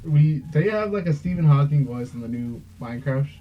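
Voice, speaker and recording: A man's voice: a little high, animated, a little fast, over music. A young man guesting on a podcast, chatting in an offhand, joking way with some swearing. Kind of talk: casual chat. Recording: muffled with faint hiss.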